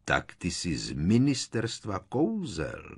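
A man's voice: low-pitched, huge pitch swings, slightly rough, heavily acted. A man voicing a proud, stern male centaur who speaks harshly and with scorn.

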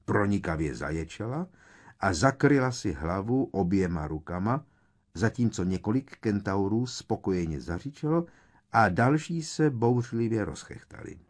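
A man reading an audiobook in a dramatic, expressive narration style. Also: fairly low pitch.

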